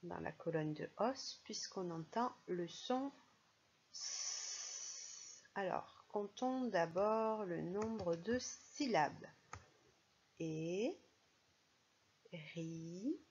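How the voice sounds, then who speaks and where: A woman's voice: medium pitch, animated, slow pace, few pauses, a little mellow, lo-fi sound, slight background noise. A woman teaching a primary school phonics lesson, speaking patiently and stressing each sound and syllable.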